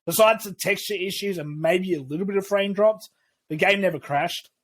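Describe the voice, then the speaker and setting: A high-pitched, fairly bright male voice at normal speed belongs to a podcast co-host in easygoing conversation. He rambles on about his views, restarting often and tossing in cheerful profanity.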